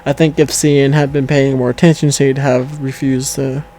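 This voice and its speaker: A man's voice: medium pitch, level tone, normal speed, warm tone, poor audio. A man casually reading an online story aloud to a co-host, stumbling over words and correcting himself as he goes. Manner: reads aloud with stumbles, self-corrections and laughter.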